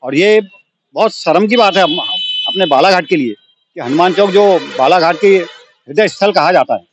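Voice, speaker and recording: A shopkeeper in his fifties speaks in an aggrieved, sarcastic tone during a street interview, with a voice high for a man. The recording is dull and lo-fi. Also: animated, moderate pace, slight background noise. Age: 50s.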